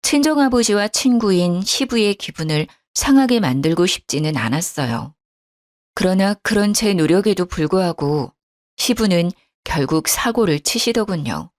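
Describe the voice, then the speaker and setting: A woman narrating a true-life family story in a soft, calm, scripted way. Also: lowish voice, moderate pace, no echo, clean studio sound.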